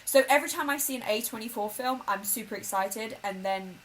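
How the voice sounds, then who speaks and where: A woman's voice: a little high, brisk, a bit bright, poor audio. A young woman co-hosting a chaotic podcast, chatty and swearing, often laughing. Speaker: podcast co-host. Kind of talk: casual chat. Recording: faint background noise.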